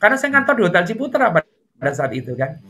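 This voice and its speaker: A middle-aged man with a fairly high voice tells a story as an interview guest. He is chatty and fills his talk with little fillers. His pitch jumps up when the story gets lively. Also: quick pace.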